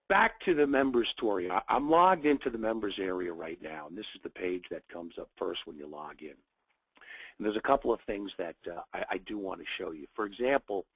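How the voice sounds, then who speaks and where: A trading educator from the United States runs a live webinar with a lowish, slightly rough voice, slightly nasal because he has a cold. He greets his audience in brief bits full of fillers. The recording is dry and low in quality.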